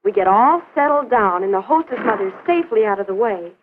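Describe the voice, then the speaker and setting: A woman's voice: medium pitch, animated, brisk, background noise, lightly acted. A young woman acting an outspoken, skeptical teenage girl with an emphatic manner in a 1950s educational film. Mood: skeptical, earnest. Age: teens or young adult. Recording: narrow phone-like 1950s film soundtrack.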